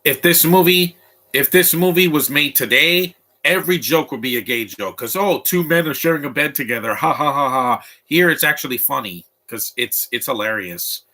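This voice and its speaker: Speaking in a slightly high, bright and forceful voice at a moderate pace, a man comments live and casually on a film as he watches it at home. He rambles, halting and restarting his sentences again and again.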